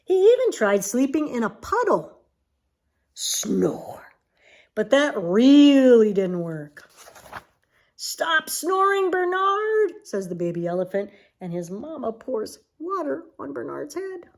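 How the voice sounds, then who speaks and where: Slow, expressive grandma voice reading a storybook. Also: female voice, a little high, a little hiss or hum. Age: older. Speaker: grandmother reading a picture book aloud. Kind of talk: storybook read-aloud to a young child, with asides.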